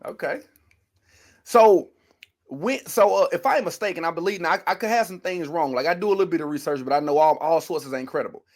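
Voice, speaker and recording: A man hosts a casual interview in a fairly high voice. He talks in a loose, slangy way and stays excitable, laughing easily as he asks his questions. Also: brisk. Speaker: interview host.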